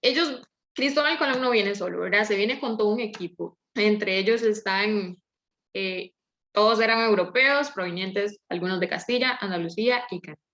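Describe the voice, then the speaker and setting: Here a young woman, a student presenter, hesitates through a class presentation full of fillers, speaking at a moderate pace. Her voice is mid-range and a bit bright, her accent Latin American Spanish with seseo, and the audio is dull and lo-fi.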